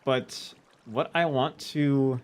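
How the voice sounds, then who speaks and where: A man's voice: mid-range voice, fairly even intonation, takes it slowly. Man chatting through a game. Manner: chatty, talking to himself as he plays. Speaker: gaming video creator. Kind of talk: casual let's-play commentary.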